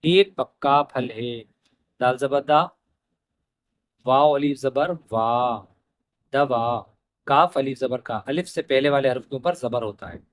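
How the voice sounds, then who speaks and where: A man teaching an Urdu primer lesson, spelling out letters and vowel marks one by one, then explaining the rules in quicker asides. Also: medium pitch, no room sound.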